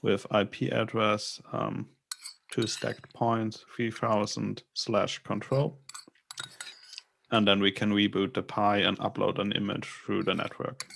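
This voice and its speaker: A man's voice: fairly low pitch, flat delivery, slow, gravelly, a bit bright, a little hiss or hum. A man on a video call giving patient step-by-step technical instructions. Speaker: workshop helper guiding setup.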